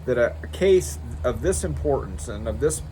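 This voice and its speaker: A man's voice: mid-range voice, animated, warm tone. Incredulous American man co-hosting, noisy outdoor recording. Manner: halting, incredulous, sarcastic. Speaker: co-host of a political commentary show. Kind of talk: casual political chat. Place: outdoors in a backyard. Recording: clear background noise, outdoor backyard ambience.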